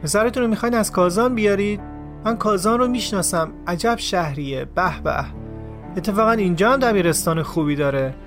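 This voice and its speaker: A man's voice: high-pitched, faint music behind, natural voice. A man voicing a stern male Soviet colonel who has turned ingratiating, in a podcast audio story. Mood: fawning.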